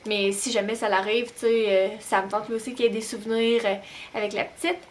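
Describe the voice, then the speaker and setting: A young new-mom vlogger with a Québécois French accent chats casually to camera from her bedroom at night, her voice on the high side with slight background noise. She sounds relaxed and talkative, filling her speech with hesitant "euh" pauses.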